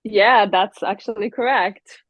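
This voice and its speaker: A woman's voice: medium pitch, unhurried, dry recording, highs cut off. A woman from Israel, a guest on a podcast, answering questions in a friendly manner with many ums and uhs. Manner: friendly, laughs often, fillers like um and uh. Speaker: guest, tech product advocate. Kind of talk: interview answers.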